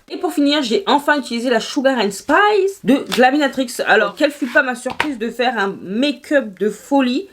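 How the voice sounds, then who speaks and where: A woman with a French accent, chatting casually through a makeup review, animated and quick to laugh. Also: high voice, a little hiss or hum. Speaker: beauty vlogger.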